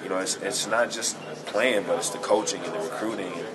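A man in his twenties answering questions in a casual interview, informal and halting as he thinks aloud. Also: low-pitched. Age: 20s. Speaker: basketball player being interviewed. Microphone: handheld camera and recorders held near. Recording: loud crowd chatter behind the voice.

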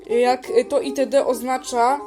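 A woman's voice: sits high, little pitch movement, a little slow, warm tone, soft background music. A woman voicing a bossy, crude adult female teacher in a toy-pet video drama, talking bluntly, swearing and stumbling over her words. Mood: scolding.

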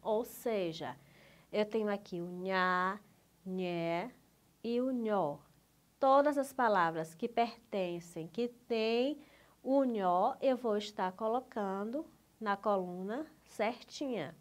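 A woman teacher with a Brazilian Portuguese accent takes young pupils through a school lesson. She talks slowly and clearly, drawing out each word, in a patient, coaxing manner at a middling pitch.

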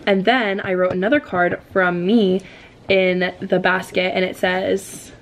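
Bubbly young American sorority girl with vocal fry. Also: medium pitch, fairly even intonation, unhurried. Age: young adult. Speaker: student vlogger, sorority member. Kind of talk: casual vlog chat. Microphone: handheld camera at arm's length. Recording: faint to clear background noise, handheld camera.

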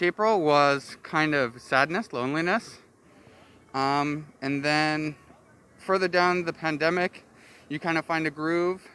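A man's voice: on the high side, pushed and bright, smooth. A young man thoughtfully recounting his feelings in a street interview outdoors, speaking into a handheld mic. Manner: measured, thoughtful. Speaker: passerby interviewee. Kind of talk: reflective street interview answer. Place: outdoor city street with cafes.

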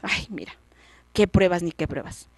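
A Mexican woman voicing a proud, quick-tempered old king in a storybook tale, with squeaky exclamations. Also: no room sound. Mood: irritated. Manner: squeaky, exclaiming, jumps high in pitch.

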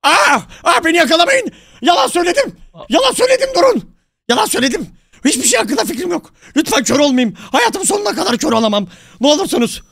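A man playing a shrill, cowardly role-play character. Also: expressive, very fast, few pauses, dry recording, studio quality. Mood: panicked pleading. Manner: shrill, pleading, begging in a rush.

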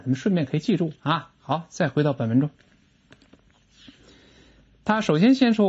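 Lively, husky-voiced English teacher lecturing. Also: medium pitch. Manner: lively, emphatic teaching with rhetorical questions. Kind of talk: lecture explaining an English textbook lesson. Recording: dull lo-fi recording.

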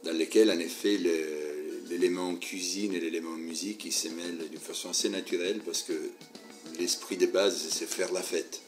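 A man from Southern Italy speaking French with an Italian accent, answering interview questions with many pauses and restarts. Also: deep voice, steady tone, soft background music. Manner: hesitant, many fillers and restarts. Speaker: guest interviewee. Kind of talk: casual interview.

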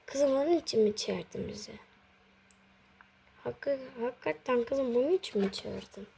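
A woman's voice: fairly high pitch, a little slow, creaky, dark tone, slightly rough, heavily acted. A woman doing a fussy scolding mother pet. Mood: exasperated. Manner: scolding, exasperated. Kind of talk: toy pet role-play. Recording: audible background hiss.

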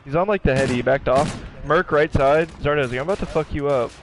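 A man streaming a shooter game, making quick callouts and swearing at his teammates in casual chat. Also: fairly high pitch, slight background noise. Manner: profane, trash-talking callouts. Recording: game gunfire behind. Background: gunfire and explosions.

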